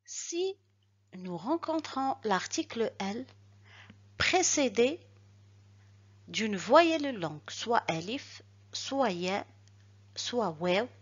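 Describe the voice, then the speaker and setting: A woman teaching a recorded reading lesson, explaining rules step by step and slowly repeating each example word. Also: a little high, sing-song, husky, dull audio. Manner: slow, careful, repeats examples syllable by syllable.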